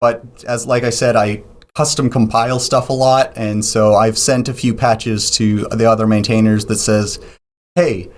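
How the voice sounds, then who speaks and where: A man's voice: lowish voice, level tone, normal speed. A man being interviewed on a podcast, explaining technical details at length with frequent ums and restarts. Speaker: podcast guest.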